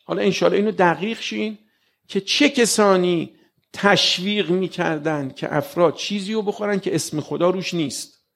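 A male preacher gives a sermon in a fairly high, gravelly voice. He talks in an everyday, conversational way and keeps turning to the listeners with rhetorical questions. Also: fairly bright tone. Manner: colloquial and conversational. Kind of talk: religious sermon.

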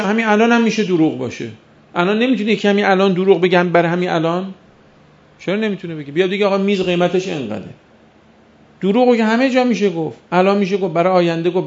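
A man preaching a sermon who keeps firing rhetorical questions at the audience and acts out the voices of imagined doubters. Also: high-pitched. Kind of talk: religious sermon. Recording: dull lo-fi recording.

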